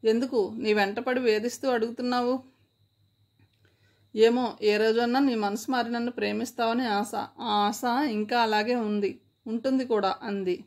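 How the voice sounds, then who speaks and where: A woman's voice: on the high side, fairly even intonation, normal speed, darkish tone, lightly acted. A woman voicing a jealous, possessive young woman who makes spiteful threats in a read-aloud story. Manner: spiteful, vehement.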